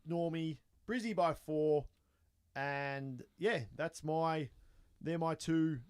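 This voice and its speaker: A man's voice: a little high, slow pace, darkish tone, clean tone. An Australian man co-hosting a podcast, chatty and retelling stories with quoted voices. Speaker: podcast co-host. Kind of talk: casual chat.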